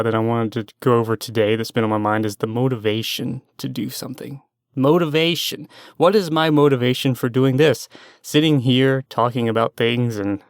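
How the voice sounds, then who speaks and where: A young man talks alone into the mic in a loose stream-of-consciousness monologue. He wanders, second-guesses himself and sometimes loses the thread. His voice is smooth and clear, at a middling pitch, recorded dry and close. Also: dry recording. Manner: self-doubting, meandering, loses his train of thought. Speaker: solo podcast host.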